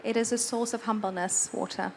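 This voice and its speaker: A woman interpreting on a panel, relaying each passage in steady, even phrases. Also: on the high side, brisk, creaky, slight background noise. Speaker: moderator and interpreter. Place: large hall at an event.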